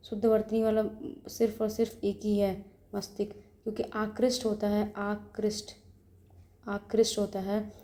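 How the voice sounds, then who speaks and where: Woman, tutor, solving a practice test aloud, mellow dark tone, monotone, brisk explanations. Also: mid-range voice, vocal fry. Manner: brisk, explains each option, repeats words and says "ठीक है". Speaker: exam coaching teacher.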